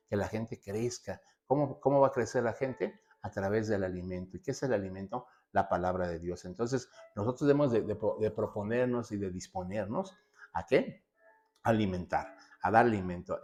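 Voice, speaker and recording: Male preacher, lowish voice, sermon that answers its own questions and repeats key phrases. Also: a little mellow. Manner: asks himself rhetorical questions and answers them.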